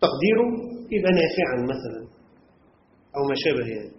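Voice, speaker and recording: A man's voice: medium pitch, very animated, quick pace. A man with an Egyptian accent teaching a classroom lesson on Quran commentary grammar, constantly checking whether his students follow. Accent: Egyptian Arabic. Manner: quizzes the class with rhetorical checks. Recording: roomy, dull lo-fi room recording with faint noise.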